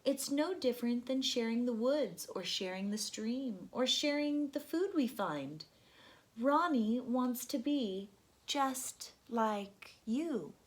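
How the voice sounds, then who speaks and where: Woman as a tender, slow-spoken mother raccoon. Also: a little high, animated. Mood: motherly. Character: loving, gentle mother raccoon, reassuring her child.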